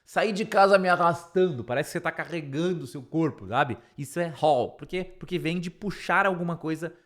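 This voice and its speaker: A man teaching an English lesson. He says words over slowly and keeps checking in with the listener. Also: fairly high pitch, fairly bright tone. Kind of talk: online language lesson.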